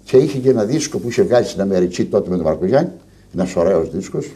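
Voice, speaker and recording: A man with a Cretan accent, a lyra musician being interviewed, telling stories lively and acting out the dialogue. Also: low-pitched. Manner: animated storyteller, acts out dialogue. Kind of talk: storytelling in an archive TV interview.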